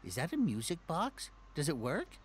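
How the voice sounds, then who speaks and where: A man's voice: on the high side, wildly swooping pitch, moderate pace, slight background noise. A man voicing a friendly, playful teddy bear toy in a video game, cheerful, childlike and coaxing. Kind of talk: video game character acting.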